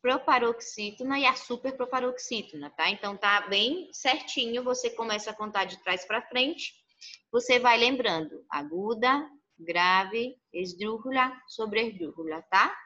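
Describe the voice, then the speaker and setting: A woman's voice: a little high, unhurried, bright, forceful tone. A woman teaching a recorded online lesson, explaining step by step and checking in with her students often. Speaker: Spanish teacher. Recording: muffled lo-fi audio.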